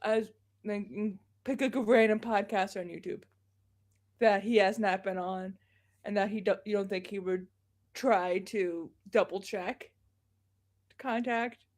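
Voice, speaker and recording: A woman's voice: medium pitch, fairly even intonation, a little slow, darkish tone. A woman guesting on a podcast, chatting casually and laying out practical suggestions, with the odd swear word.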